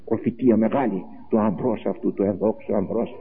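A man's voice: on the low side, fairly even intonation. A man preaching an Orthodox-style sermon, passionate, full of rhetorical questions and acted-out quotes. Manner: impassioned, rhetorical questions, acts out quoted voices. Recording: tinny lo-fi recording with faint hiss.

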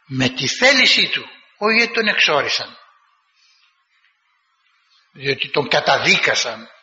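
Man, preacher, sermon, vivid storytelling, acts out dialogue, sharp bright voice, dull recording, long hall reverb. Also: a little high. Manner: lively storytelling, acting out quoted dialogue in a raised voice.

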